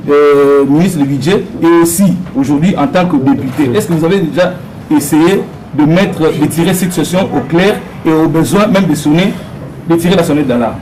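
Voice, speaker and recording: A man's voice: on the high side, moderate pace, noisy background. A man from Congo, a soldier, putting pointed, insistent questions to a politician at a public meeting. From Democratic Republic of the Congo.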